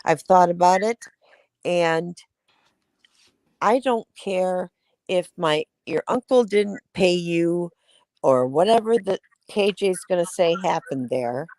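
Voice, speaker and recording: A woman's voice: fairly low pitch, animated, slow, a little mellow, dry recording. A woman giving outspoken, indignant opinions as a guest on a casual livestream chat.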